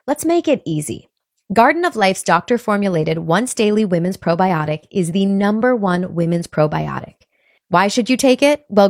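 A woman giving a clear, explanatory scripted ad read. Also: medium pitch, no room sound, clean studio sound. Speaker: ad reader.

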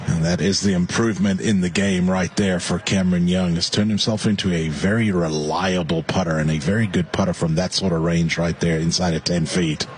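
A man working as a golf commentator, offering measured live analysis of the play. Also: sits low, fairly even intonation.

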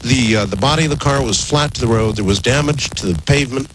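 Man, smooth radio host, mid-pitched, unhurried on-air delivery, faint hiss behind. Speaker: radio talk show host. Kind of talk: late-night call-in radio show.

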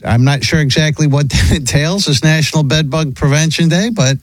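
A man's voice: fairly high pitch, a little fast, no room sound. A man hosting a morning radio show with casual banter.

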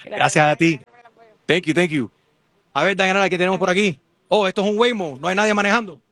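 Fast, high-voiced male radio host. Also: fairly bright tone. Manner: joking, teasing, fast-talking. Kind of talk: live radio remote, lively banter. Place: outdoors at a gas giveaway.

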